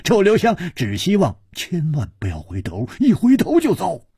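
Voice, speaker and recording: A man narrating a novel as a storyteller, with dramatic, drawn-out phrasing. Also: sits high, wildly swooping pitch, mellow, breathy edge, no echo, studio quality. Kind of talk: expressive novel-reading storytelling.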